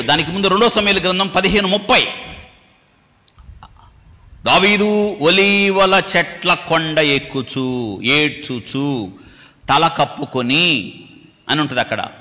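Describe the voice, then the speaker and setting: A man preaching a sermon, calling on his listeners to answer back and mixing English phrases into his speech. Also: mid-range voice. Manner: animated preaching, calls for audience responses. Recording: long hall reverb.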